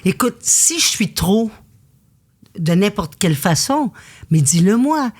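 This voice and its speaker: A woman's voice: mid-range voice, takes it slowly. A woman from Quebec, a guest in a candid conversation who tells her stories with intensity. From Quebec, Canada. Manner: intense, animated storytelling.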